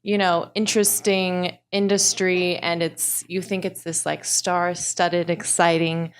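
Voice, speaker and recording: A woman's voice: lowish voice, little pitch movement, a little slow, clear, resonant tone. A young adult woman speaking as a panelist, telling her story casually and quoting her own words. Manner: storytelling, casual, quotes herself. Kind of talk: panel discussion.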